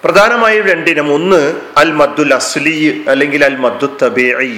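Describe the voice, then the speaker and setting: Sharp in tone and on the high side, a man leads a Quran recitation class at a moderate pace with lively intonation, explaining and repeating terms patiently. He hesitates, restarts and uses fillers throughout the lesson, which is captured in a rough recording.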